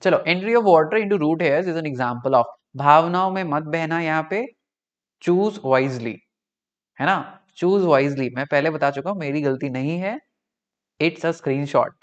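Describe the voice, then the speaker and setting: A young Indian man runs an online class, drifting between Hindi and English and checking in with his students. He speaks slowly, with a slightly raised pitch, and the audio is a little dull. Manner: mixes Hindi and English, chatty, checks in with "right?". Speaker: online tutor.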